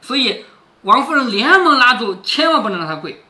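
A man's voice: very high-pitched, big pitch swings, brisk, sharp tone. A middle-aged man reading a classic novel aloud to his daughter, explaining it as he goes and often asking rhetorical questions. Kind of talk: explanatory storytelling with quoted dialogue.

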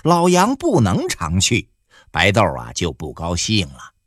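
A man narrating an audiobook in a colloquial, animated storytelling manner. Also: sits low, unhurried, no room sound, clean studio sound.

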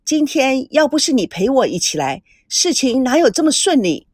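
A woman's voice: high voice, big pitch swings, moderate pace, darkish tone, breathy edge, no echo, studio quality, full character voice. A woman voicing a charming, playful young businesswoman.

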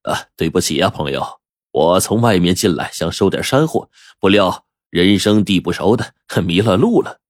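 A storyteller voicing a grim dark-faced hired thug who speaks low and cold. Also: male voice, animated, moderate pace, no room sound, studio quality. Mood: false friendly.

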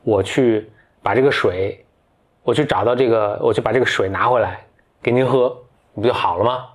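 A man voicing an arrogant, scheming eldest prince in a told fairy tale, speaking in an impatient, brusque manner and a bit lower than his own voice. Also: a little fast, lightly acted. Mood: eager.

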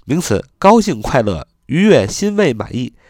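Lively sing-song male English teacher. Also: medium pitch, no echo, studio quality. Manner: repeats words over and over, spells letters out slowly. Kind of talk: lesson, reading and spelling words slowly.

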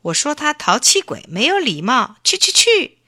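Woman doing a high, eager little boy. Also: wildly swooping pitch, normal speed, pushed and bright, husky, dry recording, studio quality, exaggerated voice. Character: cheerful impatient little boy.

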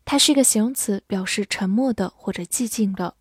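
A woman giving a scripted vocabulary lesson, spelling each word letter by letter and reading example sentences slowly. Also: medium pitch, husky, dry recording, clean studio sound. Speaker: English vocabulary teacher.

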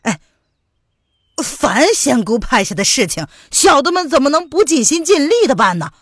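A woman's voice: medium pitch, expressive, slow pace, fairly bright tone, husky, no room sound, studio quality, full character voice. A woman voicing a fawning, cowardly male gang boss who stammers and grovels.

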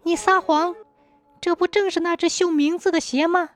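A woman voicing a wronged young woman who is bitter and vengeful, speaking in a shrill, accusing way. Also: steady tone, normal speed. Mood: furious. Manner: accusing, shrill, teeth-gritting.

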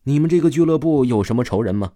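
A man voicing an old male police detective in a storybook reading, brisk and dismissive. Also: mid-range voice, lively intonation, dark tone, dry recording, clean studio sound, pitched above the performer's own voice, natural voice. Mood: skeptical. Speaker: police officer.

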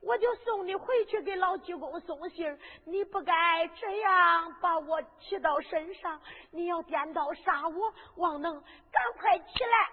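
A woman's voice: very high-pitched, unhurried, hardly any pauses. A woman storyteller voicing a proud young fairy maiden who scolds indignantly in a Henan accent. The recording sounds tinny, with long hall reverb. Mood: reproachful. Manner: indignant, reproachful.

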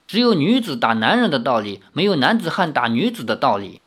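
The narrator voicing a fawning young male suitor in an audiobook, with an eager, flattering manner. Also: medium pitch, a little fast, husky.

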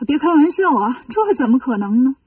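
A woman's voice: sits high, sing-song, a little fast, a little mellow, slightly rough, no room sound, distant mic, exaggerated voice. A woman voicing two haughty young male Taoist acolytes in a children's storybook, in a dismissive, scoffing manner.

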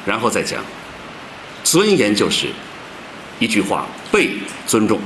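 A man's voice: wildly swooping pitch, measured pace, a bit bright, a little hiss or hum, rough recording. A man giving a public lecture, stressing his words with big rises and drops. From China. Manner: emphatic, swings pitch widely for stress.

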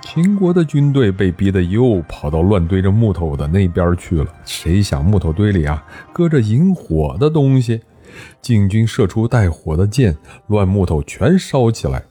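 A man's voice: fairly low pitch, big pitch swings, normal speed, dark tone, husky, faint music behind. A man telling an ancient history story, narrating with animation and voicing every character.

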